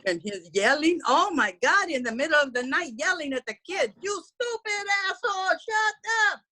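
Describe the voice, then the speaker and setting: In this character stand-up bit, a woman plays a brash, gossipy middle-aged housekeeper who talks bluntly in broken English. Her voice is high, animated and sharp, and she speaks a little fast.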